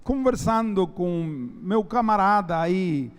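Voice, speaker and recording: A man's voice: sits high, takes it slowly, clean tone, in a large hall. A man preaching a sermon and reading scripture, emphatic and drawn out. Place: church.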